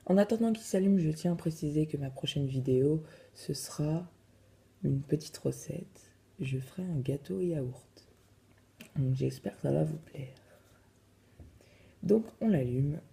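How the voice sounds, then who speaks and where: A man's voice: fairly high pitch, unhurried, creaky, pauses often, dark tone. A man casually reviewing a phone in his vlog, hesitant and full of fillers. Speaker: vlogger.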